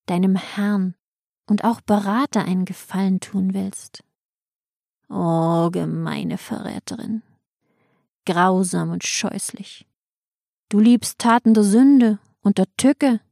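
Female audiobook narrator, unhurried and even, dry studio sound. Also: mid-range voice, no room sound. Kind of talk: audiobook reading.

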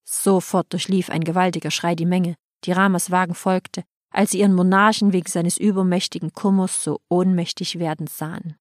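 A woman's voice: fairly low pitch, steady tone, dry recording, studio quality. Solemn woman reading an epic aloud. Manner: solemn, measured storytelling. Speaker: narrator.

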